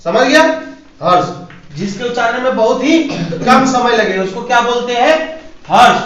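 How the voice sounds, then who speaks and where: A man's voice: very high voice, lively intonation, moderate pace, fairly bright tone. A man teaching a grammar lesson to a class. He asks them questions and repeats the key points again and again. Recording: echoey classroom from far off.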